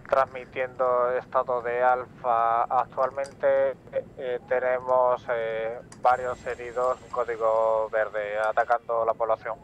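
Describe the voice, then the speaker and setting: A man's voice: medium pitch, flat delivery, slow pace. A man heard over a radio in a game, calling in military radio procedure with clipped call signs. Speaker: command radio operator in a team game. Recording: muffled radio with background hiss.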